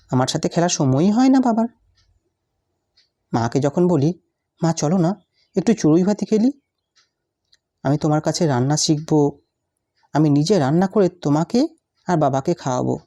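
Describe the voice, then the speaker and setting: A woman's voice: deep voice, dark tone. A woman reciting as a lonely little schoolgirl. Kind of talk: recited written story.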